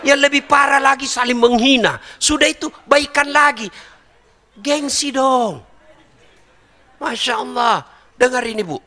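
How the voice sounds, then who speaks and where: A man's voice: extremely high pitch, moderate pace, big-room sound. A middle-aged man giving a humorous sermon, joking and speaking straight to the audience. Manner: lively, joking, addresses the audience directly. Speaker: preacher.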